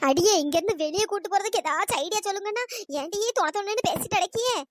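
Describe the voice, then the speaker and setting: A voice actor playing sharp-tongued, easily panicked cartoon village women. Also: extremely high pitch, fast, dry recording, studio quality. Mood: scolding. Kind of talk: cartoon storytelling.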